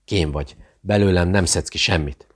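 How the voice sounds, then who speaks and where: A man voicing a fat, frightened captive who whispers and mumbles his answers in an audiobook. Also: deep voice.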